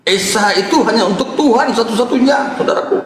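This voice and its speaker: A man's voice: extremely high pitch, brisk, over a noisy crowd. Man preaching through a heavy echo effect. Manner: preachy, keeps calling listeners brother. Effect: echo reverb on his voice. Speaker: self-styled preacher in an online debate. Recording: heavy echo, faint ambience.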